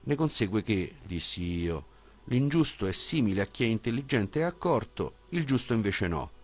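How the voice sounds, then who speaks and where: A man reading a philosophical dialogue as an audiobook, with a measured, questioning delivery. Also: fairly low pitch, sing-song. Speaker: audiobook reader.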